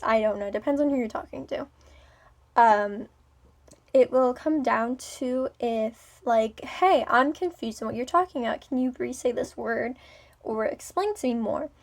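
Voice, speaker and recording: This vlogger is a young woman with a speech impediment whose slightly high, slightly mellow voice wanders through a personal vlog. Ums, pauses and restarts come often as she alternates between playful and smooth, businesslike tones.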